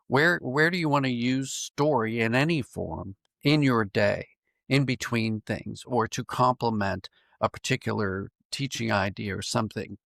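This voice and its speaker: This American podcast guest from Pennsylvania, a writer and audio drama producer, speaks thoughtfully in a reflective conversation, occasionally repeating phrases as he reasons things through. His mid-range voice is gravelly and fairly bright, at a measured pace. It's studio-quality audio without echo.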